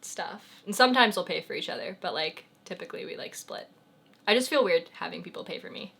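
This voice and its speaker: A young woman hosting her own vlog in casual chat, talking with lots of "like" and trailing off softly. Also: lowish voice, expressive, fairly quick, vocal fry, husky. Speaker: vlogger host.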